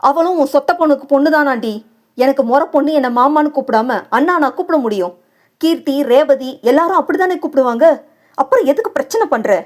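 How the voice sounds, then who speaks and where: A woman's voice: high-pitched, expressive, fairly quick, darkish tone, pitched above the performer's own voice. A stern young husband, firm but caring, who scolds and warns, as a woman narrator acts him out in an audio novel. The voice stays the reader's own, lifted a little in the heated lines. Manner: firm, reproachful, warning.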